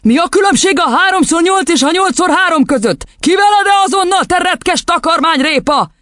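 A man's voice: very high voice, lively intonation, pushed and bright, no echo, clean studio sound, voice pushed up, exaggerated voice. A man reading an audiobook and voicing a huge, brutal headmistress who bellows threats and insults at children. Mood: bellowing.

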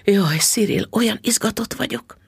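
A woman's voice: medium pitch, vocal fry, breathy edge, dry recording, studio quality, voice pushed up. A man voicing a fretful, scheming middle-aged wife who stammers when flustered. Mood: flustered sweet.

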